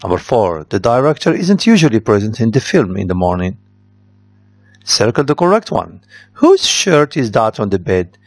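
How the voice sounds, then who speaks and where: A man's voice: on the low side, big pitch swings, normal speed, dry recording. A man, teaching English by reading out the answers of a test and explaining points in Darija. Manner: reads answers aloud, switches to Darija to explain. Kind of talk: test correction lesson.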